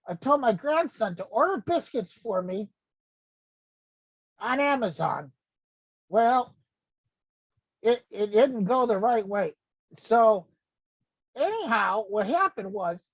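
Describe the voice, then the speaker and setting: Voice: mid-range voice, husky, no room sound, exaggerated voice. Someone doing a rambling old granddad. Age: older. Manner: rambling, digressive, folksy. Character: rambling elderly grandfather, confused and chatty. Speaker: comedic host character. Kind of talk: comic monologue.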